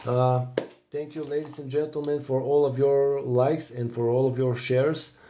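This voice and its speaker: On a live stream from his cluttered craft table at home, a Bulgarian-accented man in his thirties paints and chats, warmly thanking viewers and often pausing on "uh." His mellow, dark voice sits mid-range with little pitch movement. He speaks into a phone camera held close in front, and there's a slight hiss or hum.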